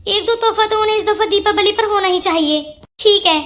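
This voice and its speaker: A performer voicing a warm, sensible young daughter-in-law who speaks sweetly and persuasively. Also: very high-pitched, a little fast. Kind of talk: cartoon voice acting.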